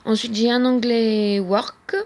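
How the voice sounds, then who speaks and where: A woman's voice: fairly high pitch, steady tone, slow, darkish tone. A young woman showing her planner in a casual vlog, talking with many hesitations and fillers. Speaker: vlogger.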